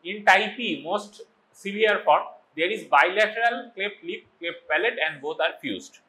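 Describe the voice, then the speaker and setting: Bright-voiced Bengali man lecturing slowly. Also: high-pitched, low-quality recording. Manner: mixes English and Bengali, quizzes students informally. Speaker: medical college lecturer. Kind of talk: classroom lecture.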